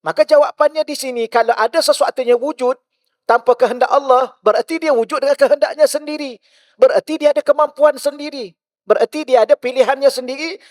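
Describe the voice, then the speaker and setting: A male religious teacher with a Malaysian Malay accent, giving a mosque lecture full of rhetorical questions, shifting between loud and hushed. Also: very high voice, steady tone, a little fast, no echo, studio quality.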